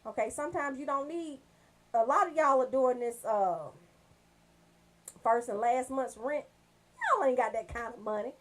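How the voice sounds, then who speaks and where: An American woman hosts a casual radio show, chatting in slang, joking and bantering as she talks directly to her listeners. Her voice sits high and moves at a normal speed with long pauses, and there's a little hiss or hum on the recording.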